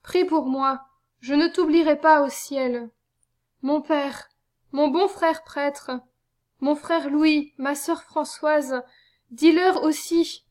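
A woman voicing a dying young male soldier, gentle and devout, speaking faintly. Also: sits high, steady tone. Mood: tender. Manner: faint, fading, slowing speech.

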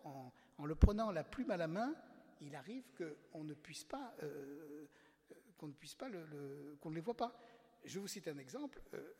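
A man's voice: fairly high pitch, a little mellow. A man who wrote a book, talking informally to an audience in a chatty way with wry asides and frequent restarts. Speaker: author presenting his book. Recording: long hall reverb.

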